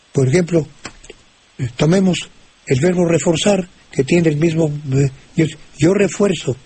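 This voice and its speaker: Slow, hesitant older Mexican man. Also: a little high, darkish tone. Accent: Mexican Spanish. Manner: slow and hesitant, many restarts and fillers. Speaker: language expert answering listener questions. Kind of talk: radio call-in chat. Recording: old radio recording with faint hiss.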